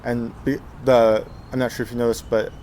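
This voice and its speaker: A man's voice: medium pitch, level tone, brisk, a little mellow, a little hiss or hum. A man in his twenties, born in Texas, telling his life story in a casual interview, with many fillers and restarts. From Texas, USA. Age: 20s. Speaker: interview guest.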